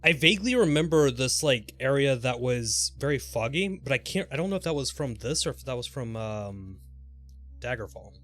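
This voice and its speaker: While livestreaming a game, a man keeps up playful, profane commentary punctuated by goofy vocal asides. His voice is mid-range, expressive, and fairly bright, moving at a moderate pace over soft background music.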